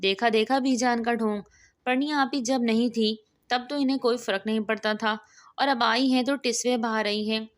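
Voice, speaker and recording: A woman's voice: on the high side, fairly even intonation, natural voice. A woman reading the lines of a mischievous, teasing young man in a storybook, in a cheeky, playful manner.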